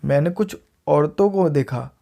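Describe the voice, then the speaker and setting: Indian guy teaching english words, says each one slow and clear a couple times, kinda dark mellow voice. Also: fairly high pitch. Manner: repeats words slowly and clearly for learners. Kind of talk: casual video lesson.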